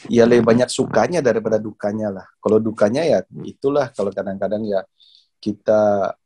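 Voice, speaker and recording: A middle-aged man from Indonesia, a badminton coach, telling stories in a relaxed interview, laughing often and repeating words as he searches for them. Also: lowish voice, a little fast, slightly rough. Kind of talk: casual interview storytelling.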